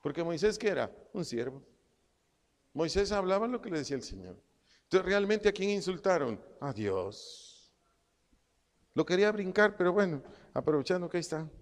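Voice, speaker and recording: A man preaching a Bible-study sermon to a congregation, repeating key phrases slowly as if dictating notes and asking his listeners questions. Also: high-pitched, very animated. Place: church hall, also streamed online. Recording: long hall reverb.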